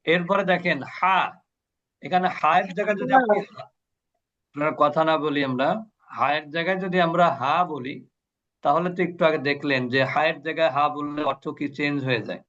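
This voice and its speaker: A man's voice: a little high, fairly quick, fairly bright tone. Man teaching over a muffled video call. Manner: patient, asks students questions and drills sounds. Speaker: Quran recitation teacher. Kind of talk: online class lesson. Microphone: video call mic.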